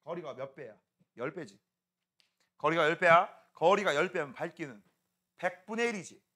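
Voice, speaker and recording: A man's voice: fairly high pitch, lively intonation, moderate pace, sharp tone. A man teaching a science class, joking with students and checking with frequent questions. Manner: often asks "right?" to check understanding. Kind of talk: classroom lecture.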